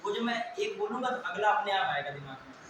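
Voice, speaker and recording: A young man teaching a class, with a fairly high voice, firing recall questions at his students and then supplying the answers himself. He is heard from a distance in a very echoey room. A steady hiss sits under the recording. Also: fast talker.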